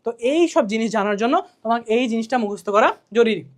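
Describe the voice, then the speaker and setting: Woman tutor, quick and higher-pitched, chatty drilling style. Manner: drills key answers by asking and repeating them; colloquial, chatty. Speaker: teacher. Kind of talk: exam revision lesson.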